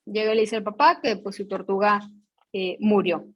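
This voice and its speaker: A woman's voice: mid-range voice, moderate pace, highs cut off. A woman with a Mexican accent leading an emotional education workshop, explaining patiently and often checking in with her audience. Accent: Mexican Spanish. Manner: explanatory, asks the audience frequent checking questions; reads out picture dialogues in a storytelling tone. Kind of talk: online workshop talk.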